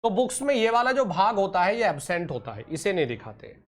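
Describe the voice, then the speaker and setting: A man's voice: high-pitched, big pitch swings. A man teaching an online exam-prep lecture, fond and teacherly, stretching out key terms, sometimes scolding his students. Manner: teacherly, addresses students as "beta" and "pyare bachche", scolds and coaxes; drawn-out slow emphasis on key terms.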